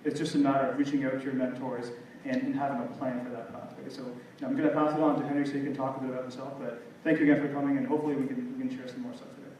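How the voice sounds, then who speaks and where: A man's voice: mid-range voice, little pitch movement, very fast, darkish tone. A man speaking on a seminar panel in a loose way, full of "you know". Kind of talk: seminar talk. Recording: echoey room, far from mic, faint noise.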